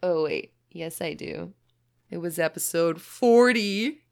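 A woman co-hosts a podcast of casual chat, telling stories and laughing often. Her voice is lowish and gravelly, animated yet slow.

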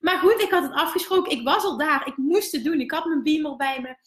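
A Dutch woman in her thirties, a business coach hosting a live stream, who tells candid, animated stories and swears now and then. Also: high-pitched, brisk, reverberant. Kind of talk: live stream storytelling to viewers.

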